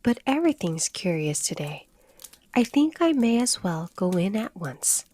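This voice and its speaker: A woman's voice: medium pitch, sing-song, unhurried, a little mellow. A woman voicing a polite, earnest young girl in a storybook reading. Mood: polite curious. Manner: humble, earnest.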